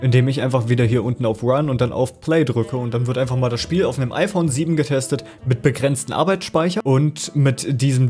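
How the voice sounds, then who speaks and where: A man talks viewers through a screen-recorded tutorial in a relaxed, chatty way, dropping fillers as he clicks along. His voice sits at an everyday middle pitch. Faint guitar music plays underneath. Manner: casual explaining with fillers, addresses viewers directly. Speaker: tutorial host.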